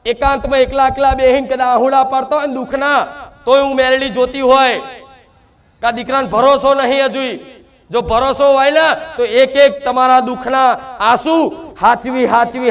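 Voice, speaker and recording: A man's voice: very high-pitched, fairly even intonation, normal speed, a bit bright. A man, giving a devotional sermon in the first person as the goddess, emphatic and full of repeated rhetorical questions.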